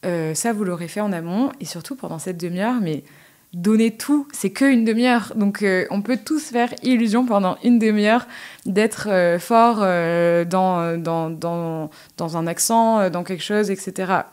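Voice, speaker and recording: A woman's voice: mid-range voice, measured pace, darkish tone. A woman guest on a podcast giving exam advice, speaking hesitantly with many fillers. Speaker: guest, English specialist.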